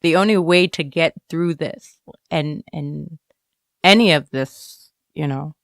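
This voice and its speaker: A woman with a low, gravelly voice speaks slowly as a guest in a candid personal interview; she is a student writer. She sounds reflective and often searches for words as she goes. The recording is dry and studio quality.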